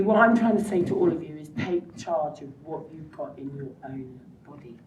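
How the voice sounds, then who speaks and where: A woman's voice: lowish voice, reverberant, far from the mic, noisy background. A woman speaking bluntly and rousingly in a documentary interview. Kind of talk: documentary interview and motivational talk.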